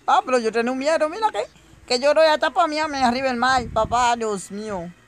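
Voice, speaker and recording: A man's voice: extremely high pitch, quick pace, a bit bright. A man giving comedic gameplay commentary, talking straight to his viewers and breaking into panicked shrieks. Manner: chatty, addresses viewers directly. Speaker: gaming youtuber.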